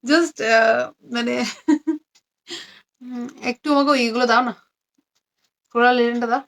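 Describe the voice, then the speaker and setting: A tired, low-energy woman selling saris on a live stream, repeating every price again and again. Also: steady tone, a little slow, fairly bright tone. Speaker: online saree seller. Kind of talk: live-stream sales pitch. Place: indoors among stacks of saris.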